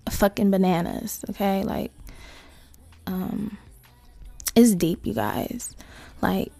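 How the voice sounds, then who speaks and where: Slow, creaky-voiced woman podcaster chatting. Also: mid-range voice, darkish tone. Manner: slangy, swearing, conversational asides to listeners. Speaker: podcast host. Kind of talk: casual solo podcast chat.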